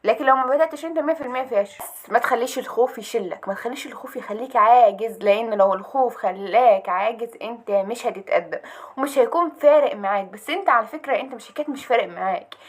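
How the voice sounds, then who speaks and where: A woman's voice: on the high side, fast. A young woman with an Egyptian Arabic accent gives a motivational talk to students, urging and coaxing them, asking questions and answering them herself. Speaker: study motivation speaker.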